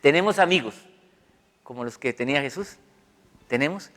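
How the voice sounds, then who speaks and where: A man's voice: medium pitch, normal speed. A middle-aged man, a pastor, giving a sermon in a conversational, storytelling way. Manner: conversational, animated storytelling with acted quotes. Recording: long hall reverb.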